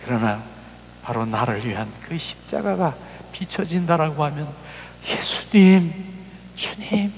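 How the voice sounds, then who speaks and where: A man preaching an emotional sermon, telling a story and acting out its voices, moving between soft whispers and loud cries. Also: mid-range voice, big-room sound, a little hiss or hum. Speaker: pastor. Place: church sanctuary.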